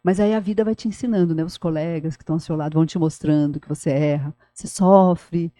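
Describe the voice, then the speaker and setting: A middle-aged woman, a former school director telling stories in a podcast interview, animated and addressing the listener directly. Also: sits low, rapid-fire, dry recording, clean studio sound.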